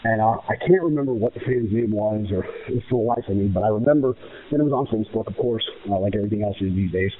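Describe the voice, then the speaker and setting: A man's voice: lowish voice, quick pace, slight background noise. An American man, a professional wrestler giving interview answers in an emphatic, self-assured way, repeating phrases in runs. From United States. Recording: muffled, narrow phone-like radio sound.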